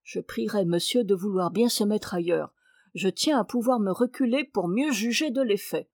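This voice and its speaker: A woman's voice: medium pitch, moderate pace, darkish tone, no echo, clean studio sound, lightly acted. A woman reading aloud, voicing a haughty, self-important male hairdresser who talks down to his clients. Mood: pompous. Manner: pompous, condescending. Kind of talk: audiobook character reading.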